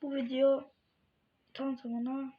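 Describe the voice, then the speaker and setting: A woman with a fairly high voice talks casually to her viewers in a relaxed ASMR-like way. She murmurs softly, often sinking toward a whisper. The recording is dull and lo-fi, with faint noise behind her. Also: slow. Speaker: video creator talking to viewers. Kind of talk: casual vlog chat while playing with slime, ASMR-like.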